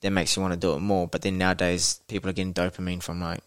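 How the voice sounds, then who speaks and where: A man's voice: sits low, flat delivery, fast talker, clean tone, no room sound, studio quality. A man with a broad New Zealand accent hosting a casual interview, blokey and slangy, swearing freely. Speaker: podcast host.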